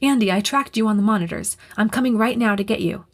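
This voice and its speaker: A woman's voice: mid-range voice, fast, natural voice. A woman voicing a young man who calls out urgently and hurriedly over a wrist comm in an audiobook.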